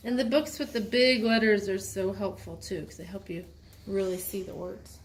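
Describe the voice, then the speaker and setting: In an instructive read-aloud phonics session with a child, a woman draws out each word as she reads, with some casual chat in between. She speaks at a moderate pace in a medium-pitched voice with fairly even intonation, recorded slightly distant in an echoey room with faint background noise.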